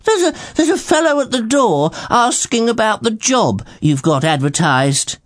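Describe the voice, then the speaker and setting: A man's voice: very high voice, very animated, measured pace, pitched above the performer's own voice, exaggerated voice. A man voicing a nervous, wheezing old butler in a storybook, stammering as he speaks.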